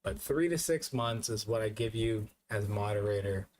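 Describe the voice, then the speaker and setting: A man's voice: fairly low pitch, animated, moderate pace, a little mellow. A drunk man streaming live, rambling and repeating himself as he chats casually with his viewers.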